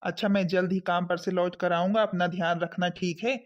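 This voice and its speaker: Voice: medium pitch, little pitch movement, fairly quick, lightly acted. A performer playing a young husband who reasons with his family to defend his new wife in a skit. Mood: reassuring. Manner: pleading, reasoning. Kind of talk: village family skit acting. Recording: dull lo-fi sound.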